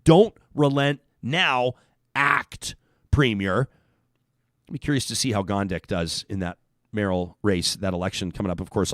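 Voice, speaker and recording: A man's voice: mid-range voice, no echo, clean studio sound. A man with a Canadian accent hosting a talk radio show, delivering an opinionated, sarcastic monologue. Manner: animated, sarcastic, swears casually. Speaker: radio host.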